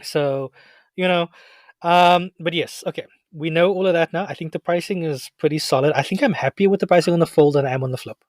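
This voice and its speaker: A South African man with a fairly high voice talks through gadget pricing in a casual, jokey podcast chat. His voice is recorded dry and close, with no room sound around it. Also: no echo. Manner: animated, jokey, quick to banter. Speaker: tech podcast host.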